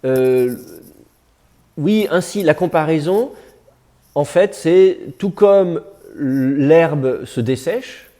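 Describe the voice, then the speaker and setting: Mellow-voiced man teaching a class. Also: a little high, animated, drawn-out words. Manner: conversational, digressive, jokey asides. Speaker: Hebrew teacher. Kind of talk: classroom lecture.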